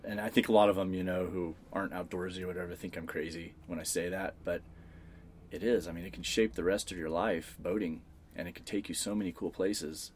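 A father with a very deep voice speaks earnestly in a relaxed interview. Faint background noise sits under the recording. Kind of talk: casual interview talk.

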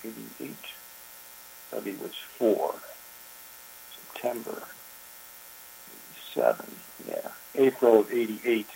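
An older man, a former park chief ranger, telling his story in an interview, unhurried and reflective with frequent pauses. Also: fairly low pitch, creaky, mellow, slight background noise, low-quality recording. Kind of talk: oral history interview.

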